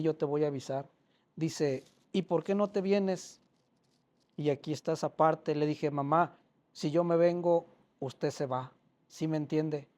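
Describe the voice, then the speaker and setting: Older man, slightly high voice, author sharing heartfelt stories with a live audience. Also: darkish tone. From Mexico. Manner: emotional, plainspoken storytelling with quoted dialogue. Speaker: author presenting his book. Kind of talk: personal storytelling to an audience. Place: public library hall.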